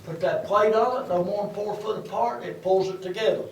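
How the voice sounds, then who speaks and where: A man's voice: high-pitched, steady tone, fairly quick. An older man with an Appalachian accent giving an informal guided tour as a former miner, talking like a folksy old prospector spinning stories. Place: underground exhibition coal mine. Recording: echoey mine tunnel, distant mic, faint noise.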